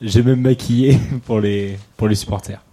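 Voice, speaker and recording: A man co-hosting a casual radio show, friendly and quick to set the facts straight. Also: on the low side, fairly even intonation, dark tone. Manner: friendly, quick to correct details. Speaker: radio co-host.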